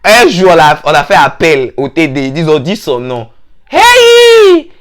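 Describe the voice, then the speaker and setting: Young Ivorian vlogger, male, comic storyteller with very lively intonation and shrill mocking outbursts. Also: moderate pace. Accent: Ivorian French. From Ivory Coast. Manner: animated, mimics people with sudden high-pitched exclamations. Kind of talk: comedic storytelling monologue.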